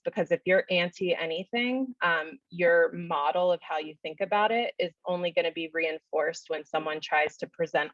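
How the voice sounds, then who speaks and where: Woman, lowish voice, thoughtful explainer, dry dull call audio. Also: no room sound. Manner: thoughtful, many "you know" fillers. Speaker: psychologist guest speaker. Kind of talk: webinar Q&A answer.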